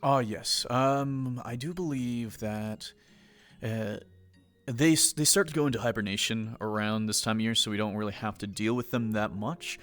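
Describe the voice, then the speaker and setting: A man playing a calm academy professor. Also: on the low side, soft background music, close to an everyday voice. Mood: informative. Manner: measured, unhurried explaining. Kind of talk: in-character role-play.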